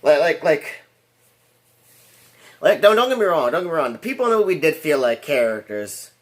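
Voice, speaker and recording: A man talks through a movie review in a loose, rambling way, restarting sentences and piling on fillers. His voice sits a little high for a man. He gets animated and laughs at his own jokes. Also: normal speed. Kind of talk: casual spoken review.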